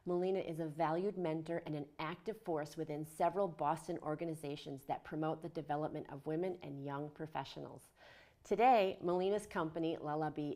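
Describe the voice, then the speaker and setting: A woman's voice: sits low, darkish tone. A woman hosting a community TV talk show, reading an upbeat introduction and then chatting with her guest. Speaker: show host. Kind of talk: community TV interview.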